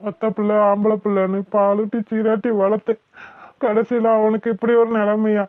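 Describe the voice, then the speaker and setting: A woman's voice: mid-range voice, little pitch movement, normal speed, no echo, close to an everyday voice. A woman voicing a dejected aging village father in a cartoon, weary and despairing, with a southern Tamil Thoothukudi accent. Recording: tinny phone-like cartoon audio.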